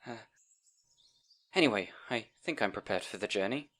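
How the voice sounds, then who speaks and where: In a fantasy audio roleplay addressed to the listener, a man acts out a timid, bookish young scribe, anxious, apologetic and hesitant as he rambles and stammers. His voice is lowish and fairly bright, animated at a normal speed.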